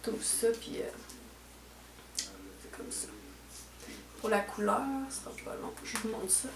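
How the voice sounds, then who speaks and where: A woman's voice: fairly high pitch, fairly even intonation, brisk, gravelly, crowd noise. A young woman with a Quebec French accent chatting casually through a beauty unboxing at home, with lots of fillers and trailing "là". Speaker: beauty vlogger. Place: at home indoors. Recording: echoey room.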